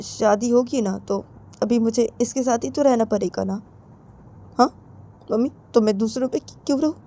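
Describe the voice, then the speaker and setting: A woman puts on an indignant young woman for a spoken love story, pitched well above her own voice. She pushes hard with rapid, insistent questions and a mellow tone. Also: gravelly, slight background noise.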